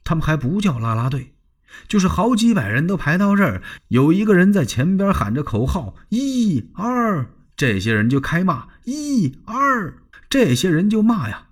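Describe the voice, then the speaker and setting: A man's voice: mid-range voice, slightly rough. A man telling a traditional Chinese story in a dramatic, sweeping style, often turning aside to address the listeners.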